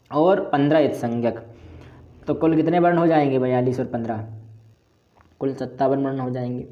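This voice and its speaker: A man giving a patient grammar lesson, spelling out sounds one by one in a slow, careful recitation. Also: a little high, highs cut off. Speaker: Sanskrit grammar teacher. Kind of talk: explanatory lecture.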